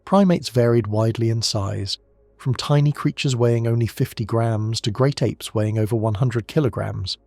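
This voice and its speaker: A man delivering scripted nature documentary narration in a measured, descriptive storytelling manner. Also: mid-range voice, gravelly, darkish tone, no room sound.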